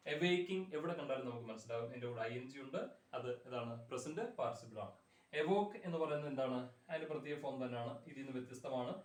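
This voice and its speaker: A man's voice: mid-range voice, recorded from a distance. A man teaching grammar in Malayalam. He speaks, patiently repeats word forms and keeps checking that the class follows. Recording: echoey room, voice from afar.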